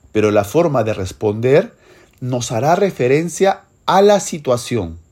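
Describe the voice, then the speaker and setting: A teacher narrates a scripted language lesson slowly and clearly, with lively pitch in the instructional delivery.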